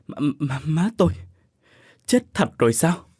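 A desperate young son cries out in a spoken ghost story, as a male narrator puts him on. He speaks, his husky voice swinging widely in pitch. The sound is close and dry. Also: animated, fairly quick, dry recording. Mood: distraught. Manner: pleading, agitated outbursts. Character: anxious young man, grieving and vengeful.

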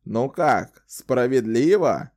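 A man voicing a sly, wry old male wizard who talks in a slow, theatrical, teasing way in an audiobook. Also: medium pitch, expressive, a little mellow. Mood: stern, bargaining. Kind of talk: audiobook character voice.

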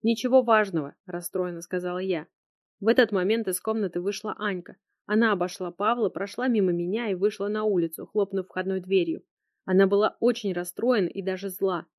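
A woman narrating a first-person novel in an even, measured way. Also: medium pitch, no room sound, studio quality. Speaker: audiobook narrator.

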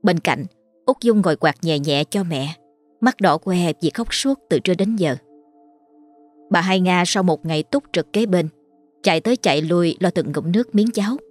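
A woman narrating a horror story in a measured, ominous storytelling voice. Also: fairly low pitch, no echo, soft background music.

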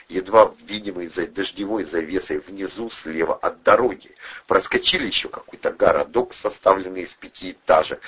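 Deep husky male audiobook narrator. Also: muffled recording. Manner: steady storytelling. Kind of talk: scripted narration.

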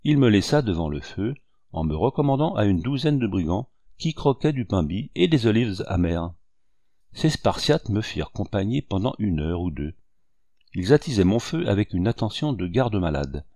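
Male audiobook narrator, low and mellow, dry close recording. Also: sing-song, normal speed, dry recording.

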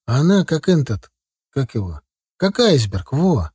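A man voicing a lovesick young male village driver who pleads and whines excitedly. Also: medium pitch, unhurried, husky, no echo, studio quality, exaggerated voice. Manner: excitable, whiny, insistent.

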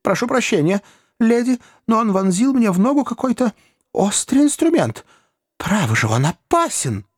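A man voicing a genial elderly gentleman who gets startled and flustered. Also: high-pitched, very animated, normal speed, no room sound, clean studio sound, voice pushed up. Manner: fussy, flustered exclamations.

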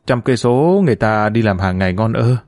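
Male narrator as a reproachful, needling friend in an audiobook, lively pitch. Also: fairly quick, dry recording, clean studio sound, natural voice. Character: blunt, reproachful man, old friend.

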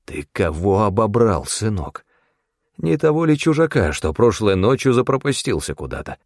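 A man's voice: on the low side, wildly swooping pitch, normal speed, vocal fry, no room sound, clean studio sound, exaggerated voice. A man voicing a wary, bossy old mentor who scolds in blunt, folksy talk. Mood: alarmed, hushed. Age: older.

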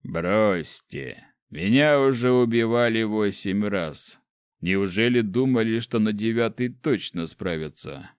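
A man playing a cold, scornful ancient dark mage who speaks slowly and mockingly in an audiobook. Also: fairly low pitch, animated, clear, resonant tone, no room sound, studio quality. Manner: slow, mocking, detached. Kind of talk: audiobook character voice.

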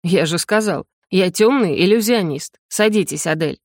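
A woman's voice: on the low side, dry recording. A woman doing a cold, detached male magister. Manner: flat, unhurried, curt.

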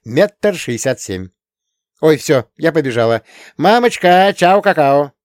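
A man's voice: fairly high pitch, expressive, unhurried, no room sound, studio quality, voice pushed up. A man reading an audiobook and voicing a playful, teasing teenage schoolgirl. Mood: bubbly. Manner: bright, bubbly, teasing.

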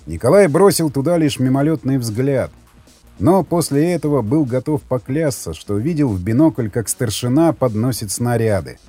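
Man, audiobook narration, animated delivery, mellow tone. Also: mid-range voice, normal speed, no room sound, faint music behind.

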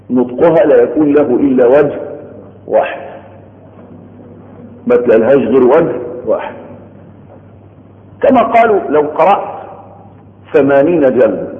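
A man with an Egyptian Arabic accent lecturing on religious studies, explaining patiently, repeating his points and checking that listeners follow. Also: fairly high pitch. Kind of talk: Egyptian colloquial lecture on Quran sciences. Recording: echoey hall on a tinny phone-like line.

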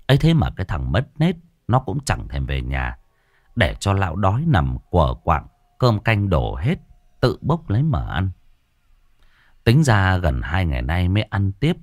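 Male horror narrator, low and lively in delivery, dry close recording. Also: no echo. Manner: dramatic, expressive storytelling. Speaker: storyteller. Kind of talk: ghost story narration.

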